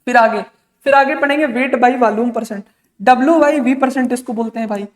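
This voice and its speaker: A man's voice: very high voice, moderate pace. A male chemistry teacher giving an exam-prep lecture. He asks questions and answers them himself, calls the students "beta", and mixes English terms into his talk. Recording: long reverb, echoey room.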